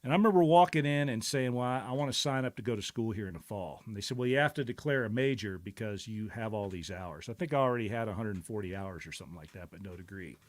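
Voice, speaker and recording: A man's voice: on the low side, animated, fast, few pauses. A middle-aged man hosting a casual live stream, talking in a rambling, reflective way with many fillers and restarts. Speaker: show host.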